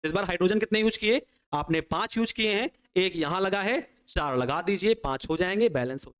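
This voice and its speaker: A man with a fairly high voice teaches an online exam-prep chemistry lecture. He talks through each reaction step by step. He often poses a question and answers it on the students' behalf. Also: lively intonation, fairly quick, fairly bright tone, clean tone. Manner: explains step by step at a working pace.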